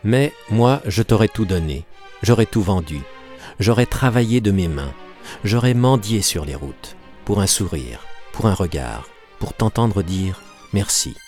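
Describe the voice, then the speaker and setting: A man's voice: on the low side, animated, measured pace, a little mellow, soft background music. A man reading an audiobook, voicing a desperate young woman who reproaches and pleads with passion. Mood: anguished, pleading. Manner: impassioned, reproachful.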